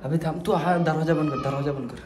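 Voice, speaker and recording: A man's voice: a little high, steady tone, fast talker, noisy background. A man vlogging at home while playing with his little sisters, playful and coaxing, laughing often. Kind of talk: casual family vlog chat. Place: at home indoors.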